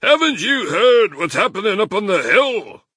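A man voicing an excitable, despairing badger father in a children's storybook, blustering and emphatic. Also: mid-range voice, takes it slowly, husky, no echo, pitched above the performer's own voice, exaggerated voice. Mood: frantic, despairing. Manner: blustering, agitated, emphatic delivery.

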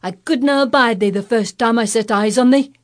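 A woman voicing an angry old gardener who shouts at a girl in broad dialect. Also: on the high side, fairly quick, pitched above the performer's own voice, close to an everyday voice. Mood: outraged. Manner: shouting, dialect-heavy scolding.

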